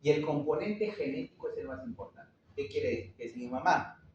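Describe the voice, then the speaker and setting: A man's voice: on the high side, big pitch swings, moderate pace, darkish tone, a little hiss or hum. A man giving a medical class lecture, asking rhetorical questions and checking in with his students. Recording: echoey, distant, dull room recording.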